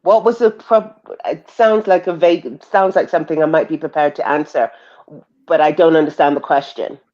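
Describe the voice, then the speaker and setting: A woman's voice: deep voice, fairly quick, darkish tone. English woman, blunt, on lo-fi chat. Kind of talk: live open-mic discussion. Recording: dull lo-fi voice chat.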